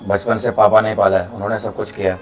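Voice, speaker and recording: A young man acting in a scripted skit, speaking in a calming, pleading way. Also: lowish voice, soft background music. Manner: calming, pleading, talks fast. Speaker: actor in a short drama.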